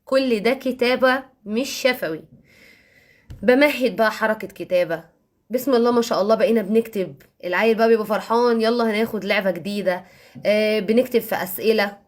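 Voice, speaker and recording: Speaking at a medium pitch with an Egyptian Arabic accent, a woman teacher walks parents through how she teaches young kids. Key words come up again and again with emphasis, and she eases her pace on examples.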